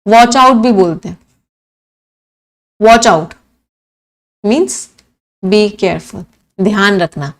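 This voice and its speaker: A woman's voice: medium pitch, takes it slowly, long pauses. Lady teacher going over english words for exams, asks then answers herself, repeats meanings a lot. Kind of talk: exam-prep vocabulary lesson in Hindi-English mix.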